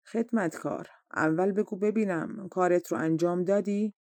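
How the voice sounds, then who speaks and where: A stern old woman in a storybook tale orders her servant about in a firm, commanding way, read by a woman. The voice is warm and mellow, close and dry. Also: fairly low pitch, no room sound, lightly acted. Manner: commanding, demanding. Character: stern old woman setting hard tasks.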